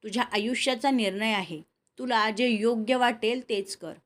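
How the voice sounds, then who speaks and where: A woman voicing a gentle elderly grandmother in a family audio story, speaking softly and reassuringly. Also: fairly high pitch, fairly even intonation, normal speed, lightly acted. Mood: calm, kind.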